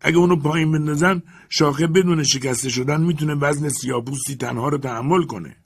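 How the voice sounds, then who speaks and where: A man narrating an audiobook puts on a timid, stubborn old servant who answers his master from high up a tree. The voice is pushed well above his own and loud. A gravelly, husky grain stays under it. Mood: nervous, pleading. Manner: high strained pleading voice.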